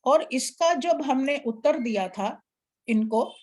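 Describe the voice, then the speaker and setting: Teacher-voiced woman, explaining cards, slightly high voice. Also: expressive, slow, a little mellow. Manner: explanatory, instructive, asks an assistant to show slides. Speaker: tarot teacher. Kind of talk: live online class lecture.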